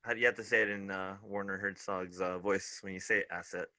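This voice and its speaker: Bright-voiced man chatting casually. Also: low voice, fairly quick. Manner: relaxed, trailing off mid-thought. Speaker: podcast co-host. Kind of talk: casual review chat.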